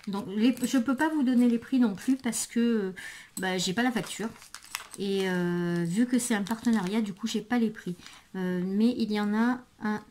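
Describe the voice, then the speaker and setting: A woman's voice: medium pitch, darkish tone, slight background noise. French-style crafty lady rambling about her stamps, lots of euhs, drops to a murmur sometimes. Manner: hesitant, many fillers and restarts. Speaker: craft vlogger. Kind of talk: casual product show-and-tell.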